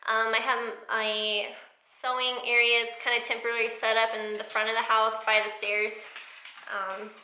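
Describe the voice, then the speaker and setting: An American woman giving a casual, rambling vlog update in an informal, chatty way, recorded in an echoey room with high ceilings. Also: monotone, moderate pace, sharp tone. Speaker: sewing vlogger. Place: indoors in new home, bare high-ceilinged room.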